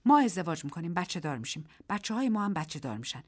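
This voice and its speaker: Lady reading a desperate guy who won't give up, pleading, lively pitch, radio story. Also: slightly rough. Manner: pleading, then defiant. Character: desperate man clinging to reason and love.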